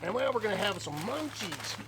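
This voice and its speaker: A man's voice: high voice, sing-song, a little fast. A middle-aged man with a Southern US accent hosts a casual snack tasting, chatting in a folksy way as he crunches and chews. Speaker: host of a family snack taste-test video. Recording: noticeable background noise.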